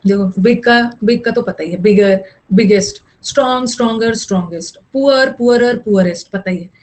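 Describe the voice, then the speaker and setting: A woman's voice: mid-range voice, fairly quick, a little mellow, rough recording. A young woman teaching an online English grammar class, mixing explanation with chatty scolding asides to her students.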